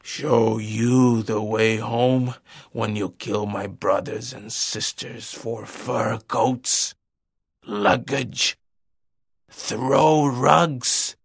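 A man's voice: medium pitch, steady tone, very slow, gravelly, slightly rough, no echo, studio quality, pitched below the performer's own voice, exaggerated voice. A man voicing a proud, bitter jaguar in a storybook tale, speaking sternly and threateningly. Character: proud bitter male jaguar, great hunter.

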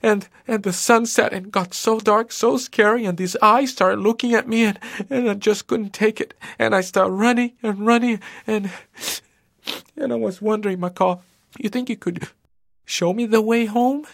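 A man's voice: high-pitched, fairly even intonation, moderate pace, vocal fry, a bit bright, dry recording, clean studio sound, pitched above the performer's own voice. A man voicing a scared lost boy in a storybook tale, pleading and stumbling over his words. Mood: pleading frightened.

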